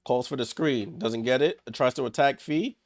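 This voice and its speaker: A man hosts a live watchalong stream, calling the game in short, clipped play-by-play bursts while chatting with viewers. He sounds a bit under the weather and congested, speaking at normal speed with a medium pitch. The studio recording is clean, with no room sound.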